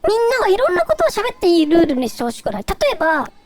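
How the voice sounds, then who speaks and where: A woman's voice: very high-pitched, wildly swooping pitch, over a noisy crowd. A teenage girl from Chiba in a scripted comedy duo, teasing and bantering playfully. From Chiba, Japan. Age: teens. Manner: playful, teasing, fast back-and-forth.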